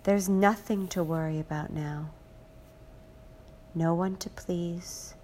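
A woman reading a guided hypnosis relaxation script in a slow, soothing, repetitive way, now and then dropping into soft whispers. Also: on the low side, fairly even intonation, a little hiss or hum.

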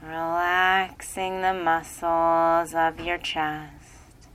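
A woman leads a listener into deep relaxation, her low voice moving at an unhurried, drawn-out crawl. Her tone is smooth and clear, and every phrase comes soft and repetitive, like a hypnotherapist's script. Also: completely flat delivery. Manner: slow soothing repetitive delivery.

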